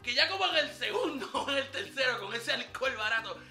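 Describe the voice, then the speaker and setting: A man's voice: very high-pitched, animated, brisk, pushed and bright, faint music behind, exaggerated voice. A man playing a brash, flirty ladies'-man character who hands out dating tricks in swaggering, slangy banter in a comedy sketch. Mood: boastful. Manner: swaggering slangy banter, calls listener papá. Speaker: comic character giving dating tips. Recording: roomy echo.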